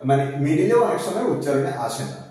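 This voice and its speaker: In a live class, a man teaches English phonetic transcription, breaking each word into single sounds, spelling them out one by one and repeating words. He talks fast in a slightly high, sing-song voice with a dark tone, recorded far from the mic in an echoey room.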